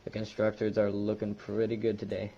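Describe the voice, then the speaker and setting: A man, a racing league driver, talking hoarsely and ruefully in a post-race interview. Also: lowish voice, monotone, fairly quick, warm tone. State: hoarse from yelling. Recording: muffled lo-fi voice chat.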